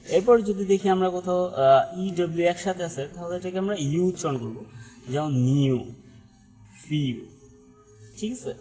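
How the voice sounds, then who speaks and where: A man's voice: sits high, moderate pace, long pauses, dark tone, faint music behind, poor audio. A man teaching an English pronunciation lesson, explaining step by step and often checking in with "right?". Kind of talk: spoken language lesson.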